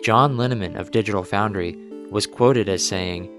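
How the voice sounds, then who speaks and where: A man with a fairly low voice reads a scripted game video essay. He keeps a deadpan, mock-serious tone, treating everything with dramatic gravity. Music plays clearly underneath. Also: normal speed.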